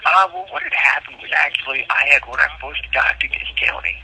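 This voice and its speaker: A man calling over a prison phone line, recounting his court troubles earnestly and haltingly, with frequent ums and restarts. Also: medium pitch, wildly swooping pitch, creaky, pushed and bright, slight background noise. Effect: heard over a prison phone line.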